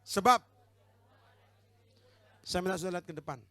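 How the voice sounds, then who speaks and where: A man preaching a charismatic sermon, swinging from hushed asides to loud exhortations and calling for amens, with English phrases dropped in. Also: high voice, normal speed, no echo. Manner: calls for amens and congregational responses. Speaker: evangelist preacher.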